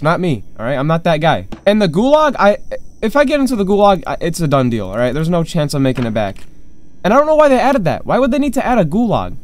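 A man hosting a horror game let's play, confused and jumpy, talking to himself as he plays. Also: high-pitched. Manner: jumpy, confused, talks to himself while playing. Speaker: gaming channel host.

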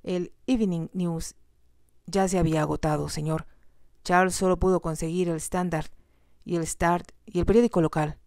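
A woman's voice: on the low side, fairly even intonation, normal speed, darkish tone, no room sound, clean studio sound, natural voice. A woman reading aloud, voicing a formal, deferential male butler.

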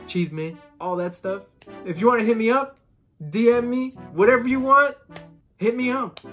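Seated at home before a front-facing camera, this saxophonist vlogger, a Colombian-born man in his twenties, talks casually and moves both hands as he speaks. The voice is high, bright and forceful.

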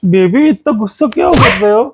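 A man's voice: high voice, animated, a little fast, very noisy. A young man, teasing and pleading. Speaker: prank video host. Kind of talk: casual couple banter.

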